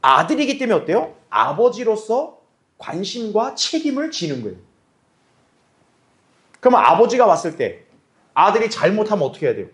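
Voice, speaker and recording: A man's voice: sits high, big pitch swings, moderate pace, pauses often, fairly bright tone. A male pastor teaching a Bible class, asking his listeners rhetorical questions and acting out little dialogues. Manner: acts out quoted voices in dialogue. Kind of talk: Bible study lecture.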